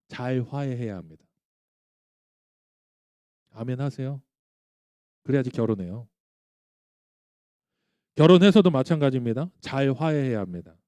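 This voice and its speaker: A man's voice: medium pitch, dark tone, no room sound. A man in his thirties, a pastor giving a sermon to young adults, telling stories animatedly and asking the congregation questions. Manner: acts out quoted dialogue in his stories. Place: church.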